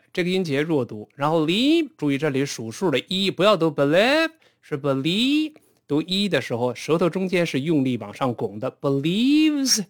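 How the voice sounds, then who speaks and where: Male pronunciation teacher, patient, demonstrates phrases slowly, bouncy intonation. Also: fairly high pitch. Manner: slow demonstrative drilling of English phrases. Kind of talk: online pronunciation lesson.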